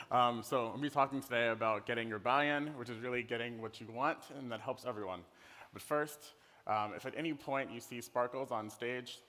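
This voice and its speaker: The design director, a middle-aged man from the Netherlands with an American accent, has a fairly low, fairly bright voice. He gives a playful, relaxed, conversational conference talk on a stage in a hall. The recording is reverberant with a little hiss or hum.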